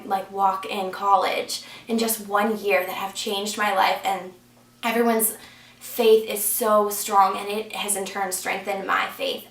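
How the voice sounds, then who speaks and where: A woman's voice: mid-range voice, a bit bright. A young woman sharing a personal faith testimony in an earnest, conversational way, with plenty of "like" and "um". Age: young adult. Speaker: church member sharing her testimony. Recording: roomy sound from a distance.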